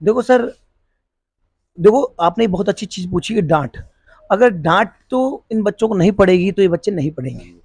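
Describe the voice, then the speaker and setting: Earnest high-voiced Indian policeman. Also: animated, normal speed, a little mellow, husky, no echo. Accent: Hindi. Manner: earnest, repeats and restarts while searching for words. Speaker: police officer running a free school. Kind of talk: interview answers.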